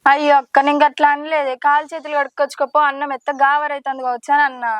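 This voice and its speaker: A woman's voice: sits high, flat delivery, rapid-fire, a bit bright. A woman playing a bold younger daughter, coaxing and insistent. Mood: pleading. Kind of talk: village drama acting.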